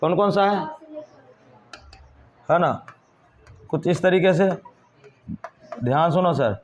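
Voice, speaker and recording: A man's voice: high voice, lively intonation, slow pace, a little hiss or hum. A man teaching a whiteboard grammar lesson, asking the class questions and answering them himself. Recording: dull lo-fi recording.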